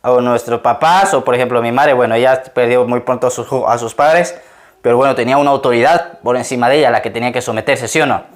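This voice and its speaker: A man's voice: mid-range voice, fast talker. A man preaching a sermon as pastor in a chatty, conversational way, asking the congregation questions and laughing as he tells stories. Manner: laughs often while telling stories.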